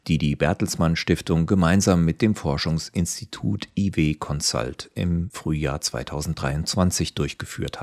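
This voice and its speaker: A man giving a measured, scripted reading of a written essay. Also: deep voice, darkish tone, dry recording, studio quality. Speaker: article reader.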